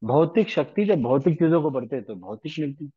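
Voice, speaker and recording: A man's voice: fairly high pitch, animated, fairly quick, husky, narrow, tinny audio. A man giving a devotional scripture class in a conversational way, often asking his listeners rhetorical questions. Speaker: lecturer on scripture. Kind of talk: devotional Hindi lecture.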